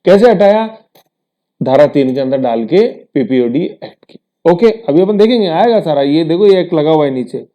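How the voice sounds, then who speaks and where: A man's voice: fairly high pitch, lively intonation, normal speed, warm tone. A man teaching an exam-prep lesson in a conversational way, with rhetorical asides to his students and English terms mixed in.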